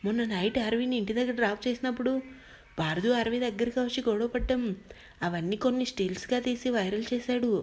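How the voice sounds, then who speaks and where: A woman reading a family drama story aloud as narrator, in a steady, expressive way. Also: fairly high pitch.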